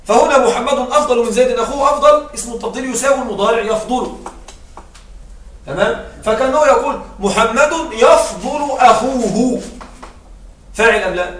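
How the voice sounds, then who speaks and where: A man teaching an Arabic grammar lesson who explains step by step, repeats his examples and keeps checking with quick rhetorical questions. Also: extremely high pitch, fairly bright tone, echoey room, distant mic, slight background noise.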